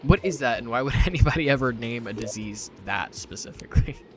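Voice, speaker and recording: Game music plays while a young man from Puerto Rico livestreams, chatting casually in an animated, medium-pitched voice at a fairly quick pace. He rambles, gets easily distracted and reads the chat aloud.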